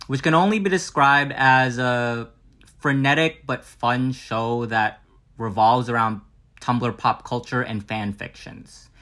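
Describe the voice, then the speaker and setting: A man's voice: medium pitch, sharp tone. A young man hosting a comedic podcast, playful and self-mocking as he tries out bits. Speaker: podcast host. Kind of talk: comedic solo podcast monologue.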